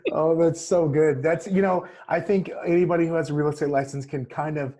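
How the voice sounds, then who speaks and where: A man hosting a podcast, asking questions in a relaxed, friendly way with frequent restarts. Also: fairly high pitch, brisk. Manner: easygoing, repeats and restarts, friendly. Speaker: podcast host. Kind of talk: casual interview.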